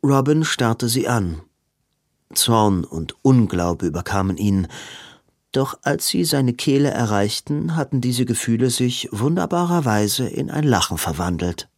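A man narrating a novel in an even, measured storytelling manner. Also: medium pitch, no room sound, studio quality. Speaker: audiobook narrator. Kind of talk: scripted narration.

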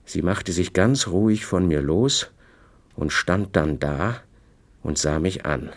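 A man reading a novel aloud in the first person, with measured, dry storytelling. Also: low voice. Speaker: audiobook narrator. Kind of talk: scripted first-person narration.

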